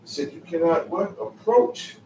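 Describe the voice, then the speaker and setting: A man's voice: a little high, normal speed, vocal fry, crowd noise. A man giving a Sabbath scripture lesson, emphatic and repetitive, in casual street phrasing. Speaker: Bible teacher. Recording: echoey room, mic far off, faint ambience.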